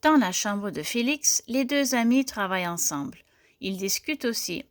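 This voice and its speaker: A woman reading a children's picture book aloud, clear and gentle. Her voice sits at an ordinary middle pitch, and the sound is dry with no room echo. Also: lively intonation, normal speed. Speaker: storyteller.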